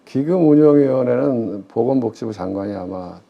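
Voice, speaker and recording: A gravelly, medium-pitched male voice with lively intonation carries this conversational interview on public finance at a moderate pace. The speaker is a middle-aged former pension fund CIO appearing as an expert guest. He is emphatic, regularly raising questions and answering them himself, and the recording is slightly muffled.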